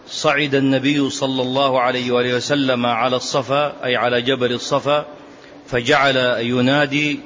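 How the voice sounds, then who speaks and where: A man teaches a religious lesson on prophetic biography, reciting narrations with emphasis and repeating key phrases. His mid-range voice is a bit bright, with slight background noise, on a dull lo-fi lecture recording.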